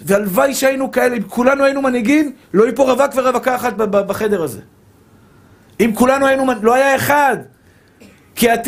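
A rabbi with a notably high voice preaches to a room of listeners. He drives home each point by saying it again and again, and he keeps warmly calling the listeners his dear brothers. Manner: emphatic, repetitive, addresses listeners as dear brothers. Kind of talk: Torah lesson to a live audience.

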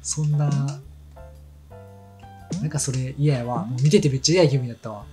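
A man's voice: mid-range voice, fairly even intonation, moderate pace. A man with a Kansai accent chatting casually and telling rambling stories while he plays a game. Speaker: let's play commentator. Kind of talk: casual chat over gameplay. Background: game music.

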